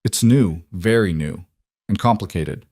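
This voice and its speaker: A man's voice: deep voice, unhurried, darkish tone, no echo, clean studio sound. A man voicing a guarded, weary single father in a storybook reading.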